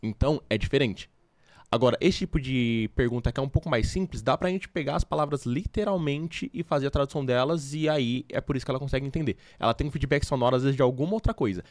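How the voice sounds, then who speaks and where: Fast-talking man teaching in a casual chat. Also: mid-range voice, a little mellow, no echo. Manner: quick, explanatory, giving study advice. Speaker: English teacher and podcast host. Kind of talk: casual podcast conversation.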